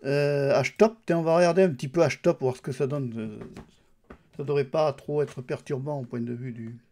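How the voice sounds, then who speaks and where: A man's voice: medium pitch, moderate pace, darkish tone. A man casually thinking aloud as he tours a computer's settings and apps, talking straight to the viewer. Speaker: YouTuber testing a Linux distribution. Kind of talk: casual screen-recorded software walkthrough.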